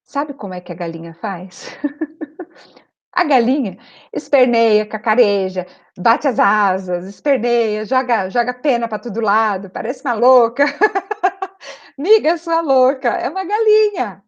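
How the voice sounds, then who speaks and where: Brief: middle-aged woman, parenting coach, fairly high voice, insistent and repetitive, dull lo-fi recording. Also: measured pace. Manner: emphatic, repeats key points, checks in with the listener. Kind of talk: advice video monologue.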